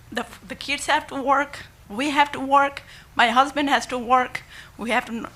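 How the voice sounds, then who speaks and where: A woman's voice: fairly high pitch, fairly bright tone. A mother, from Nepal, giving an earnest, emotional public comment to a school board at a podium microphone. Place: school board meeting room.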